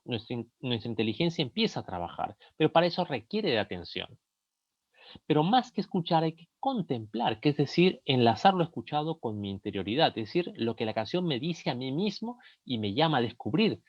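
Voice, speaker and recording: A man with a Peruvian Spanish accent lecturing in a recorded lesson, setting out his points step by step and reading song lyrics aloud to illustrate them. His voice sits at an ordinary middle pitch. The sound is dull and dry, with no room echo.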